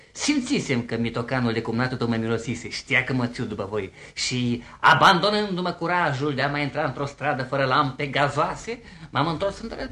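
A pompous young lovesick suitor. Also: male voice, a little high, pushed and bright. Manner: bombastic, flowery, stumbling over fancy words. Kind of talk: table reading of a stage comedy.

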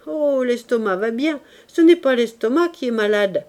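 A woman reading the lines of a languid, bedridden woman with a soft, gently plaintive voice. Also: fairly high pitch, lively intonation, moderate pace, close to an everyday voice.

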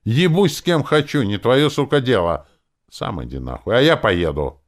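A man voicing a shrill, quarrelsome young woman ranger who screeches back in arguments. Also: lively intonation, normal speed, creaky, a little mellow, exaggerated voice. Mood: furious.

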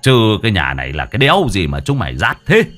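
A narrator putting on a coarse middle-aged landowner from a spoken ghost story, bossy and foul-mouthed. His voice drops low and growly, swinging up and down as he bullies his men. Faint music runs under him. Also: huge pitch swings, fast talker, a bit bright. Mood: boastful. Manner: coarse, swearing, bullying. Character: gruff crude middle-aged male rich landowner, bossy.

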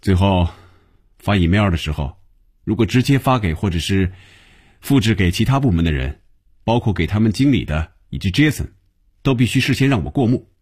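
A man's voice: fairly low pitch, animated, normal speed, darkish tone, husky. A man voicing an impatient male office manager who scolds and lectures in an audiobook. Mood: stern.

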